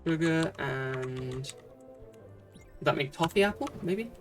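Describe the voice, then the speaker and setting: A streamer from Britain giving casual commentary while playing a game, chatty and thinking out loud with many fillers and restarts. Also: mid-range voice, expressive, takes it slowly, over music.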